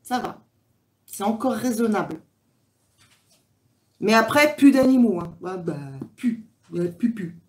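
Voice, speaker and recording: Slow-talking chatty woman. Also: mid-range voice, expressive. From France. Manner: chatty, rambling with many fillers. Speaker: livestream host. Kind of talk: casual live chat reading comments.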